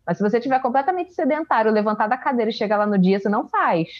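A woman, a forensic expert and teacher, telling her story in an interview in a casual, animated way with many fillers. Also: a little high, rapid-fire, highs cut off. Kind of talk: interview answers, personal story.

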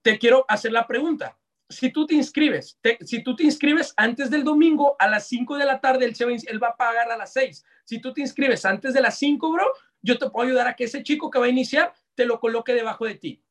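A young Mexican man with a Mexican accent, giving live online sales coaching in a lively, slangy way that talks straight to his audience. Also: extremely high pitch, brisk. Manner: energetic, slangy, addresses audience directly. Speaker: sales trainer.

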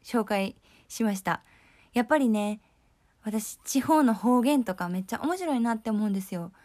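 A woman's voice: medium pitch, darkish tone, no echo. A young woman with a Kansai accent hosting a casual solo talk show in a chatty, friendly way and laughing easily. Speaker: host.

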